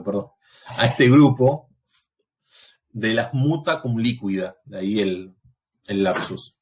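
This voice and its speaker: A man teaching a Latin class, explaining step by step and often pausing to check that students follow. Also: medium pitch. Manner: patient, explanatory, checks understanding with frequent "¿sí?". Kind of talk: recorded class lecture.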